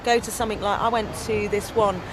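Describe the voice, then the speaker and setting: This Englishwoman talks fast in a big, strong voice, telling lively stories during a casual outdoor interview amid heavy background noise. She is an activist and storyteller being interviewed, and she speaks loudly.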